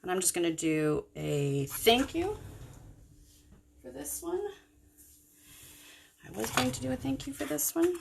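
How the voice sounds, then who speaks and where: A woman's voice: on the high side, animated, unhurried, creaky, long pauses, background noise. A woman chatting through a card-making tutorial in a rambling, self-correcting way, with the hiccups. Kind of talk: casual craft tutorial.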